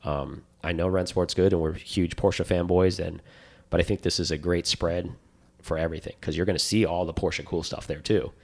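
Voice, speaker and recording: A gravelly, low-pitched male voice at a normal pace belongs to a podcast co-host. In casual chat he rambles enthusiastically, telling stories with lots of animation.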